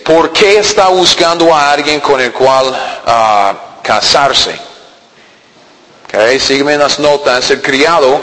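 A man's voice: mid-range voice, a bit bright. A man teaching a Bible class in a church hall, joking and firing rhetorical questions at his listeners. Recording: long hall reverb.

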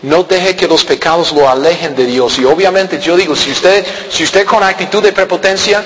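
A man with a high voice preaches a sermon. He leans on rhetorical questions that he answers himself and repeats key phrases to drive them home. His voice rings out with a long hall reverb. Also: normal speed, fairly bright tone. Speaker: pastor.

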